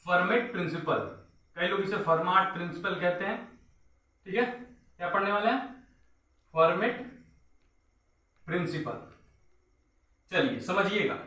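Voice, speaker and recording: A male physics teacher giving a classroom lecture, often stopping to ask his students if it is clear. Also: high voice, pushed and bright. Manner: repetitive, keeps asking "is it clear", says "my dear students". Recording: echoey room, mic far off.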